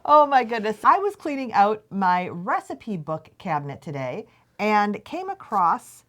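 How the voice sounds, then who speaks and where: A woman co-hosting a casual chat, cheerful and quick to laugh. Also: medium pitch, sing-song, fairly bright tone. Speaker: life coach and co-host.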